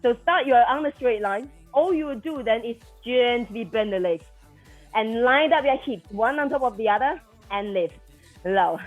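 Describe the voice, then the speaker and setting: A woman instructing an aerobics floor class calls out counts and commands in an animated, slightly high voice at normal speed. She motivates and encourages the group, heard through dull lo-fi sound with music playing.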